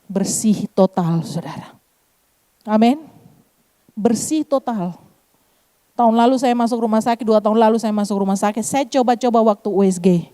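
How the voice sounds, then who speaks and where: A woman's voice: on the high side, steady tone, quick pace, dark tone, clear, resonant tone. A middle-aged woman pastor with an Eastern Indonesian accent, preaching a sermon and sharing a personal testimony, often calling out to the congregation. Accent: Eastern Indonesian, Kupang Malay. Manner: addresses congregation as "saudara" often.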